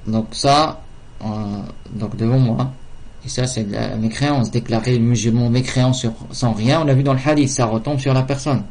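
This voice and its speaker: A man's voice: medium pitch, fairly even intonation, normal speed, darkish tone. A man teaching a language and religion class, patiently repeating words to drill their pronunciation. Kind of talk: slow classroom lesson with repetition.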